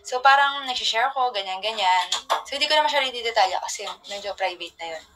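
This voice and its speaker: A young woman casually chatting on a livestream from her phone, telling rambling stories with soft trailing asides. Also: on the high side, expressive, fast, slight background noise, rough recording.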